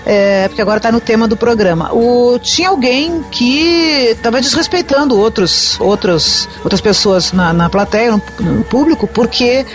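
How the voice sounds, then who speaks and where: A podcast host tells an anecdote in relaxed, conversational talk, pausing to paraphrase lines. Soft music plays faintly underneath. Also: medium pitch. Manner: storytelling, retelling events with quoted lines. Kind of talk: casual chat.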